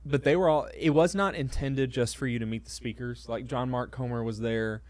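Soft-spoken man recounting a conference. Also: medium pitch, fairly even intonation, a little fast, no echo. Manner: hesitant, many fillers and restarts, self-deprecating. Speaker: pastor. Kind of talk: casual conversational storytelling.

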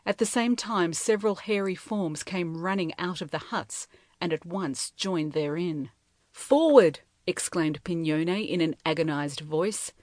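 A woman reading a novel aloud in measured, steady storytelling narration. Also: on the low side, no room sound, clean studio sound. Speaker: audiobook reader.

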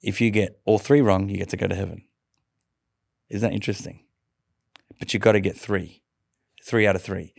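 A man, an interview guest, telling a personal conversion story in a lively way, laughing often and stumbling over restarts. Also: low voice, moderate pace, creaky, pauses often, no echo, studio quality.

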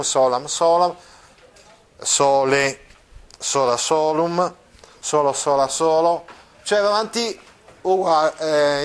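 A man's voice: mid-range voice, fairly bright tone. A man teaching a Latin grammar lesson, reciting word endings one by one and checking that the class follows. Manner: patient, repeats declension forms aloud, checks understanding with "eh?" and "no?".

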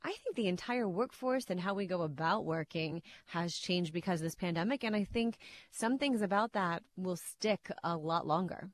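A woman in her forties co-hosting a radio talk show, chatty and quick to laugh. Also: on the low side, no room sound. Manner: chatty, laughs easily, quotes her son. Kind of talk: casual radio chat.

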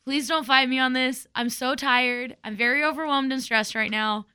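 Casual woman co-host in her thirties, high and bright, animated dramatic storyteller. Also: normal speed, clear, resonant tone. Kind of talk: casual chat.

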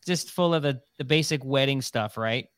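A man's voice: medium pitch, moderate pace, fairly bright tone, dry recording. A middle-aged man hosting a podcast, talking in a rambling, chatty way with many fillers. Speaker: podcast host. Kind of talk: casual podcast chat.

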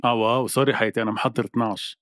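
A man with a Lebanese Arabic accent in casual chat, bantering in an animated, argumentative way. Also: medium pitch, very fast, no echo, studio quality.

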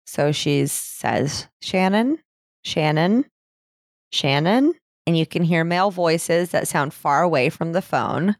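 Low-voiced woman recounting a true-crime case. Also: dry recording, studio quality. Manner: casual, swears freely while recounting a case. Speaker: podcast co-host. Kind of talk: true-crime podcast narration.

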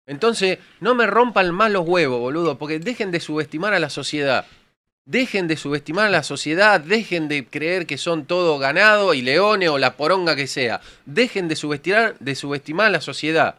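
Argentine male host, heated rant, bright higher-pitched voice. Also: expressive, moderate pace. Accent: Argentine Spanish. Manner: vehement, crude, repetitive ranting. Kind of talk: heated panel debate.

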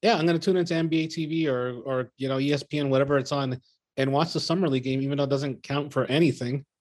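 A man's voice: medium pitch, steady tone, fast, darkish tone. A man co-hosting and moderating a sports podcast in informal, meandering casual chat.

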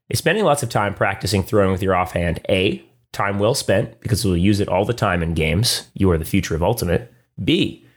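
A man with a slightly low voice co-hosting a relaxed podcast. He reads out listener emails in an easygoing, meandering way, full of ums and uhs. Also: husky. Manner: laid-back, reads listener emails with filler words. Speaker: podcast co-host. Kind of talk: casual chat.

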